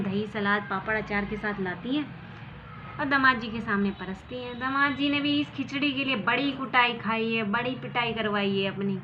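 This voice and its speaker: A woman telling a bedtime folk tale in a chatty way, acting out the characters with loud outbursts. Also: fairly high pitch, highs cut off, slight background noise. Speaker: storyteller. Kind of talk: casual folk tale narration.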